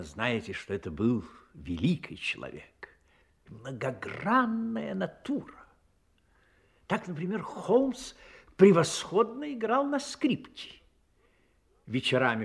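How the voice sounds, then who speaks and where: A genial retired army doctor in a radio play, with a slightly husky voice that swings widely in pitch. He is courteous and confiding, an expressive theatrical storyteller who is fond of his friend but easily piqued. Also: full character voice. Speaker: narrator and character in an audio play.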